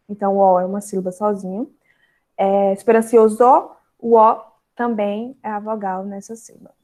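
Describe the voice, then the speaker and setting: A young Brazilian woman explains grammar rules to students in an online lesson. Her voice sits a little high, and she walks through examples patiently, drawing out syllables one by one and pausing on fillers as she goes. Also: a little mellow. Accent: Brazilian Portuguese. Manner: explanatory, spells out syllables slowly with frequent fillers. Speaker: teacher.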